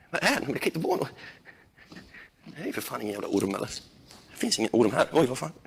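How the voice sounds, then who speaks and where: A young man talks himself through something unpleasant in nervous, muttered self-talk. His voice sits high and swings widely, from low mutters to sudden squeaky yelps. He swears under his breath between anxious reassurances. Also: gravelly, fairly bright tone, a little hiss or hum. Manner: jittery, muttering to himself, swearing, yelping in disgust. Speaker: reality show contestant.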